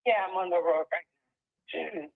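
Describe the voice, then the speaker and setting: A woman talking hesitantly on a phone call from the road, the line breaking up and dropping out. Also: lowish voice. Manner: hesitant, halting. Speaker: caller selling a house. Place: driving on the road. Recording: tinny choppy phone line.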